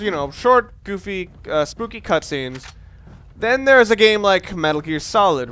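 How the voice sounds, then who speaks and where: A man narrates a video game in a fairly high, fairly bright voice, and the recording sounds clean. As a let's play commentator he is casual, rambling and wry, regularly cutting himself off to begin sentences anew.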